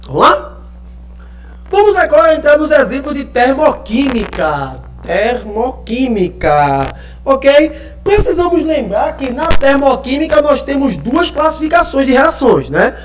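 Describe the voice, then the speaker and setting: A man's voice: very high voice, very animated, measured pace. A male teacher gives a live online class from home, checking in often with the students. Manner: checks in often with tag questions. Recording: echoey room with faint music.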